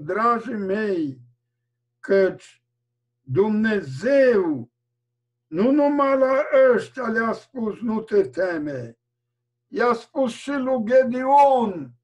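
A man with a very high voice preaches a fervent sermon over a video call. He bursts out loudly at times and then slows down, stretching his words for weight. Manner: fervent, with sudden loud outbursts and slow drawn-out phrases.

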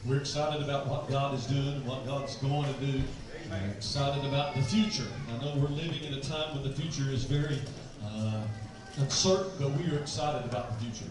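A fifty-seven-year-old man preaching from a pulpit into a handheld mic, folksy and quick, often repeating himself. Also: medium pitch. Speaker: pastor. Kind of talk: sermon. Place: church sanctuary, large room. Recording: roomy church sound from far off.

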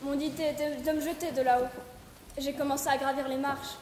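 A woman's voice: high-pitched, level tone, a little fast, darkish tone, natural voice. A young woman playing a traumatized, anguished war captive in a declaimed stage tragedy. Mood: haunted, anguished. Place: large theater stage. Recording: echoey theater, clear background noise.

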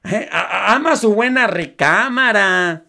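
A man's voice: sits high, expressive, a little slow, gravelly, bright, forceful tone. A man with a Mexican Spanish accent giving sarcastic, scornful commentary on a video clip, laughing often. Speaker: news commentary host. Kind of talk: mocking commentary over a played clip.

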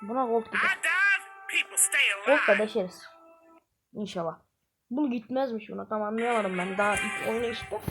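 A woman hosting a gaming channel, giving excitable, slangy live commentary and trash-talking the game as she plays. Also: a little high, moderate pace, pauses often. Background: game music.

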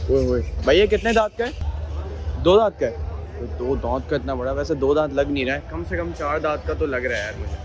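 A young man from Pakistan with a Karachi Urdu accent, giving excited casual vlog commentary while walking around an outdoor cattle show. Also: a little high, fairly quick, background noise. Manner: excited, exclaiming over animals. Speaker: vlogger.

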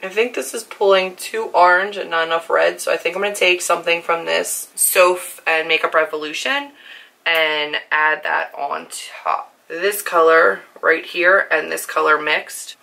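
Young female beauty vlogger, voice hoarse and rough, lowish pitch, bright tone, rambling casual delivery. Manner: chatty, filler-heavy, self-deprecating. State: hoarse from screaming. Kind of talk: casual makeup demonstration.

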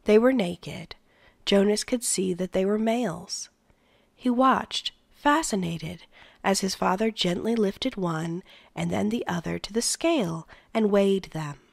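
A woman reading a novel aloud in a soft voice that often drops near a whisper. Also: mid-range voice, unhurried, gravelly, dry recording. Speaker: read-aloud narrator.

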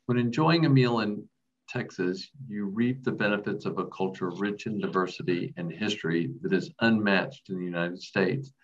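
A man reading a presentation in a measured way. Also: fairly low pitch. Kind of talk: read presentation. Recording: distant dull lo-fi mic.

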